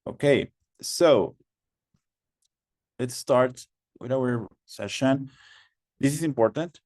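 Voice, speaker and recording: Slow man hosting a webinar. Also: mid-range voice, darkish tone, no echo, clean studio sound. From Mexico. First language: Spanish. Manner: patient, repeats instructions, many fillers. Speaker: webinar host. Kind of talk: online webinar moderation. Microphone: video call.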